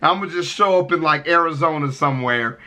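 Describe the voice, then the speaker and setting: Slangy guy doing casual video reactions, bright kinda high voice. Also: brisk. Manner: slangy, informal interjections.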